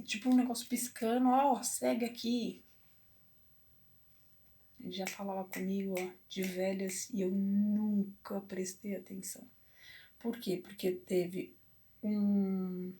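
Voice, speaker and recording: A woman telling a personal story to camera, emotional and halting with many restarts. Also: medium pitch, a little mellow. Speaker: vlogger. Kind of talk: personal confessional talk.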